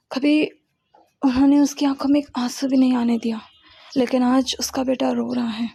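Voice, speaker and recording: High, gravelly woman storyteller. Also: mellow, no room sound. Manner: repeats words while narrating. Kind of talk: emotional story narration.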